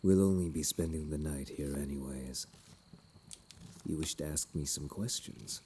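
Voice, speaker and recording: In a fantasy audio role-play, a man voices a sinister yet courteous plague doctor, his dark, low voice unhurried. His archaic speech feels doting and teasing but menacing, with slight background noise behind him.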